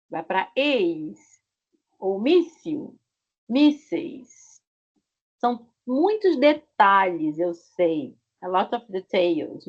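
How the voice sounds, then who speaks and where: A woman teaches an online Portuguese lesson, taking her time and speaking at a mid pitch for a woman. She repeats each example patiently. The video call audio comes through muffled and lo-fi.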